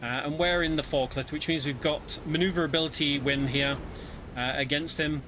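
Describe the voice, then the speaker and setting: A speedrunner commentates his own game run live in a casual way, explaining the story as he plays. His voice is a little high with fairly even intonation, he talks at a normal speed, and there's background noise.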